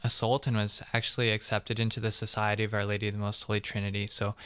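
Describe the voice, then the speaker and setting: A man in his twenties from the Atlanta area, a guest speaking haltingly with many pauses. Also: on the low side, flat delivery, fairly bright tone, clean tone, dry recording, studio quality. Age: 20s. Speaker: interview guest.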